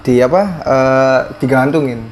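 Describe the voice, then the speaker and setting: A man's voice: mid-range voice, fairly even intonation, a little slow, a little hiss or hum. A man, a guest telling a story in casual talk, hesitant and full of fillers and restarts.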